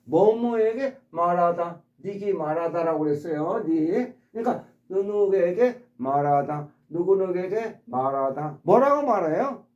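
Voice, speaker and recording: Lively mellow-voiced man teaching vocabulary. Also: high-pitched, unhurried, hardly any pauses, echoey room, lo-fi sound. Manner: repeats words and demonstrates stress patterns; addresses subscribers politely. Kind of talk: explanatory vocabulary lesson.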